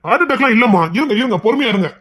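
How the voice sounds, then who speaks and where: A man playing a father in a family comedy skit, talking in an exasperated way and calling out loudly. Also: very high-pitched, expressive, very fast, slightly rough, full character voice.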